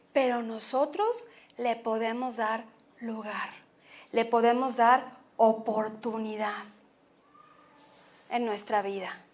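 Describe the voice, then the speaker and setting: A woman pastor with a Mexican Spanish accent preaching a sermon, expressive and repeating phrases for emphasis. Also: on the high side.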